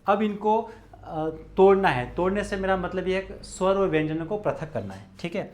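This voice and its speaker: A male Hindi lecturer teaching an exam-prep lesson, explaining each step methodically and repeating it while he writes. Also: fairly high pitch.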